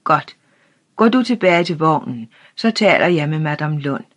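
Reader voicing a calm, grave craftsman father. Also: mid-range voice. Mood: tender. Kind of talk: audiobook character reading.

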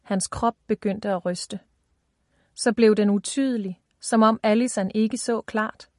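A woman narrating a children's fantasy audiobook in a calm, even storytelling voice. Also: mid-range voice, dry recording, studio quality.

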